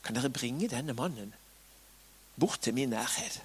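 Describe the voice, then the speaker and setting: A man quoting a hushed, gentle Jesus. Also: mid-range voice, breathy edge, voice pushed down. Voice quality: soft, hushed, partly whispered. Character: gentle, kind male Jesus speaking softly.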